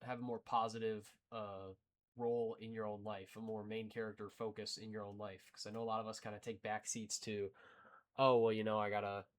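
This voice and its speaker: A young man with a lowish voice rambles casually to his viewers, a gaming creator wrapping up a long video. He talks in loose restarts and self-deprecating asides, warm and unpolished. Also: little pitch movement, fairly quick. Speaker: gaming YouTuber.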